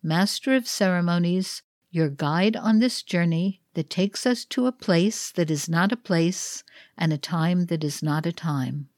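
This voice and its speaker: A woman's voice: fairly low pitch, unhurried, darkish tone, no echo, studio quality, lightly acted. A woman voicing a master of ceremonies in a ritual play, announcing in a formal, grand way.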